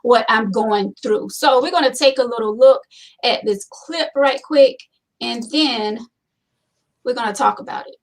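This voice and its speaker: A woman's voice: a little high, unhurried, far from the mic, rough recording. Chatty woman host, a bit off-mic. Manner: chatty, opinionated, repeats herself for emphasis. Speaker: talk show host. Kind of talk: casual chat.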